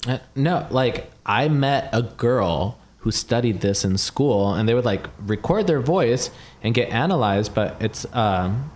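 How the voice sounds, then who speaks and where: A man's voice: medium pitch, animated, a little slow. Wry candid male guest. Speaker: guest singer. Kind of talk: casual chat.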